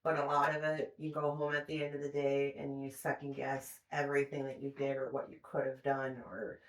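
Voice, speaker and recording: A woman speaking as a recovery coach in a podcast interview, calm and unbothered. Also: a bass voice, fairly quick. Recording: echoey room.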